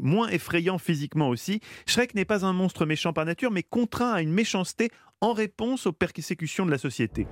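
A man's voice: mid-range voice, dry recording. A man delivering a comic radio chronicle in a studio, playful and ironic, with teasing asides to the host. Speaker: radio columnist.

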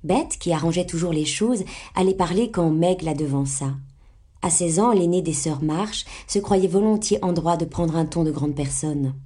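A woman narrating a classic novel in a measured, expressive storytelling way. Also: on the low side. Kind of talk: audiobook reading of a classic novel.

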